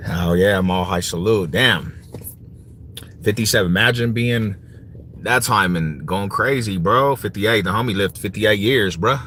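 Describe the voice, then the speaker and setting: This livestream host, a man in his forties, talks a little slowly in a lowish voice with a sharp tone. Answering viewers, he's slangy and casual and often repeats his phrases, with background noise clearly present.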